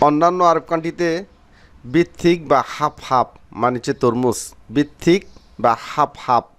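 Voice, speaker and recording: A man from Bangladesh teaching a vocabulary lesson, repeating each word slowly and clearly. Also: on the high side, fairly bright tone. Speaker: Arabic language teacher.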